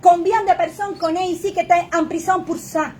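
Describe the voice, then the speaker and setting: Very high-pitched insistent woman, Cuban-accented French. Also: fairly even intonation, brisk, mellow, slight background noise. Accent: Cuban Spanish. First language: Spanish. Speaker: immigration consultant. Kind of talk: impassioned public argument.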